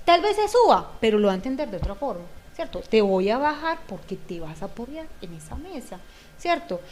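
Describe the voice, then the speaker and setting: A woman's voice: on the high side, very animated, fairly quick, darkish tone. Earnest Colombian woman, acts out quotes. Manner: earnest, acts out parents' and children's lines. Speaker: guest speaker on parenting. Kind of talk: talk-show discussion.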